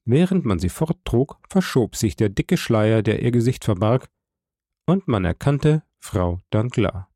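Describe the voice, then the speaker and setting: Gravelly male audiobook narrator. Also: mid-range voice, expressive, dark tone, dry recording, studio quality. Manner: measured, dramatic reading. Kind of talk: scripted narration.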